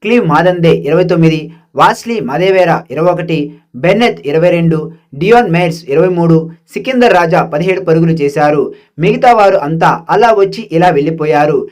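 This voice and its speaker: A man reading a scripted match recap as a sports highlights narrator.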